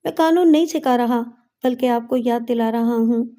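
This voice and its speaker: A woman's voice: on the high side, dark tone, lightly acted. A woman voicing a brave, principled young police officer in a story reading, speaking firmly. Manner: firm and principled.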